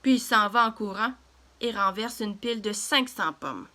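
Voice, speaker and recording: Woman, reads a children's story, gentle, bright voice. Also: medium pitch, normal speed. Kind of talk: reading a children's story aloud.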